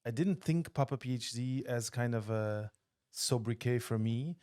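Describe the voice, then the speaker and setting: A man's voice: medium pitch, normal speed, mellow, clean tone. Thoughtful man from Portugal, podcast guest. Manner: thoughtful, many restarts and fillers. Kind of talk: casual interview chat. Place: podcast studio.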